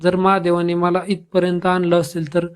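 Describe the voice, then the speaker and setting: A man's voice: high-pitched, monotone, normal speed, clean tone, natural voice. A man voicing a poor, devout village man. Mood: earnest. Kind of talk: scripted devotional story narration.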